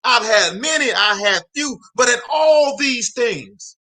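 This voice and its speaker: Fervent, high-voiced man preaching motivation. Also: animated, slow pace, pushed and bright. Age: 40s. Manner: fervent, repeats phrases for emphasis, calls out to viewers; preacher-like cadence. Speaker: motivational speaker and host. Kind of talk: live-streamed motivational talk.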